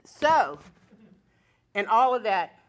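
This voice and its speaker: Lively woman telling a story on stage. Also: fairly high pitch, slow. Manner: lively, colloquial, acts out quoted voices. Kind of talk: live personal storytelling. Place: indoor storytelling event.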